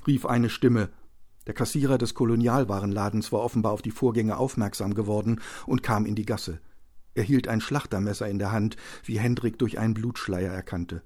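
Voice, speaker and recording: A man reading a novel aloud as an audiobook narrator, with steady, tense storytelling. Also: on the low side. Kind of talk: scripted narration.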